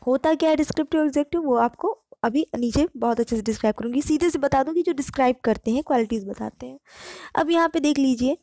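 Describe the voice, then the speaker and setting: A woman teaching English grammar in Hindi. She reads the English example sentences slowly and clearly. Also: sits high, mellow, dry recording, studio quality. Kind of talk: online grammar lesson.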